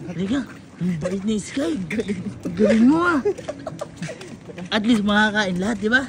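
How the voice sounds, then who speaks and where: A woman vlogger chatting casually, teasing and reacting quickly with laughs. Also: mid-range voice, expressive. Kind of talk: casual chat. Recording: noisy background.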